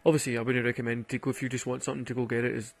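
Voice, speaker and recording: A Glaswegian man rambles through casual stories, swearing and laughing at his own jokes. His medium-pitched voice is gravelly, his delivery flat and his pace racing, in a storytelling monologue.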